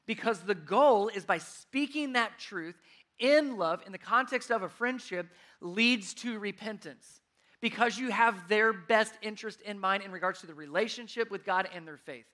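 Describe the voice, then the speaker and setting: A man in his thirties preaching a sermon, telling stories with animated swings in his voice. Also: high voice, moderate pace. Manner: animated storytelling, voice rising when worked up. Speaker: pastor.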